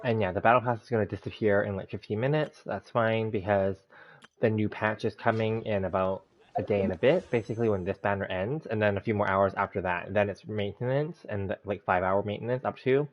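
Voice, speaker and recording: The voice is a man's, fairly low and steady, moving a little fast as he casually hosts a game livestream and rambles through every step aloud. There's a slight lisp like a bitten tongue, and music sits behind the dull, lo-fi sound.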